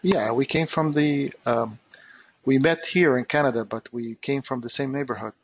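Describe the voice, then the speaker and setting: Husky middle-aged man. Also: mid-range voice, normal speed, no room sound. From northern Iraq. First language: Aramaic. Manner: chatty, hesitant, many fillers. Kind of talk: casual chat. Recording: dull lo-fi dry recording.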